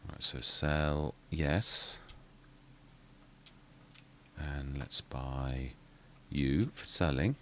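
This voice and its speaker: A man with a very deep, quiet voice rambles through a farming game as a gaming channel host, correcting himself mid-sentence and muttering asides. He speaks extremely slowly and pauses often.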